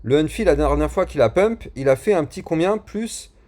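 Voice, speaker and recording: A man's voice: fairly high pitch, lively intonation, a little fast, darkish tone. A chatty man talks viewers through crypto charts in an easy, informal way. His speech is full of fillers and street slang, with restarts while he hunts for a word. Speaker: crypto YouTuber. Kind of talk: chart analysis and channel promotion.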